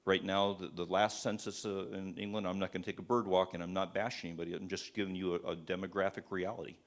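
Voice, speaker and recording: Fervent low-voiced man preaching. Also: flat delivery, quick pace. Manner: fervent, rhetorical questions, many restarts. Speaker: speaker at a church event. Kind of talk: impassioned sermon-style presentation. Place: live talk before an audience.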